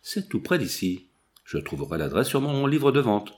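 A man reading the part of a pushy woman furniture dealer, full of brisk sales patter. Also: mid-range voice, very animated, natural voice.

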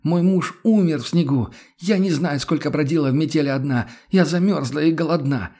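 A man voicing a furious stranded townswoman in an audiobook, yelling hoarse, insulting demands. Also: fairly high pitch, normal speed, pitched above the performer's own voice. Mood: desperate. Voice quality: hoarse shrieking. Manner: yelling, insulting, banging on the door. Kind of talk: audiobook character voice.

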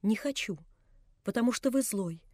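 A woman's voice: animated, moderate pace, a little mellow, no echo, clean studio sound. Woman doing a sobbing, furious little girl. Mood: sullen. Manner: shrill, tearful, defiant outbursts. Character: distraught defiant young girl, sobbing and shouting.

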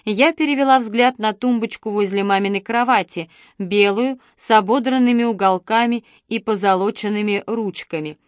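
A woman narrating a first-person novel in a steady, expressive storytelling manner on a close studio microphone. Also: mid-range voice, normal speed, few pauses, no room sound. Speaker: audiobook narrator.

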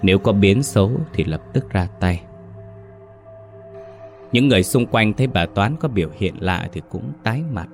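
A man narrating a ghost story in a steady, measured storytelling voice. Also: on the low side, faint music behind.

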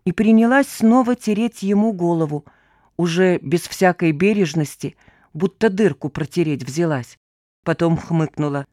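A woman narrating an audiobook in an even, measured reading. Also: fairly low pitch, dry recording, clean studio sound. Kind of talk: scripted narration.

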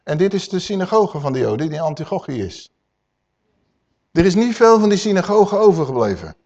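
Emphatic male preacher, slightly high voice. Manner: emphatic, swings between loud and hushed; addresses listeners warmly as dear people. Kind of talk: sermon.

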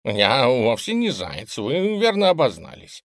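A man's voice: medium pitch, huge pitch swings, unhurried, no echo, studio quality, voice pushed up. A man voicing a timid young man who thinks he is a cat, stammering and pleading. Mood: frightened.

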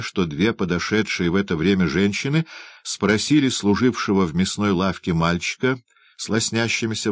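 Low, expressive male audiobook narrator, dry close read. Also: no echo. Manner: expressive, lively reading.

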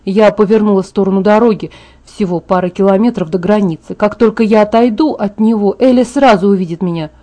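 A woman narrating a novel in the first person as an audiobook reader, with a measured, even read. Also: mid-range voice.

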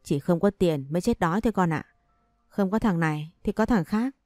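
A sharp-tongued older mother from an audio story, blunt and scolding, as a woman reads her. The voice sits low and mellow. Faint music plays under a dry, close sound. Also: brisk, no echo, close to an everyday voice.

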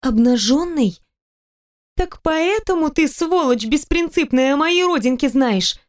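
A quick-tempered young woman read by a woman throws out sharp, indignant comebacks. Her voice sits a little on the high side. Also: expressive. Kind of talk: audiobook reading.

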